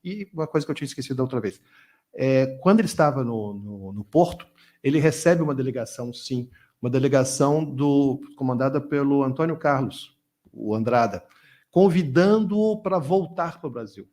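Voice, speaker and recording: A man's voice: medium pitch, animated, normal speed, warm tone. A middle-aged man answering questions as a guest lecturer at a conference, talking discursively with frequent restarts and repeated words.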